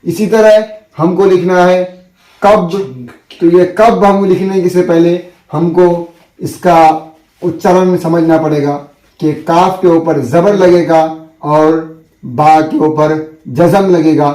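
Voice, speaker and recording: A man teaching a basic script lesson, explaining patiently and repeating each point with drawn-out letter sounds. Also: high voice, fairly even intonation, darkish tone, echoey room, low-quality recording. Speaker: Urdu teacher.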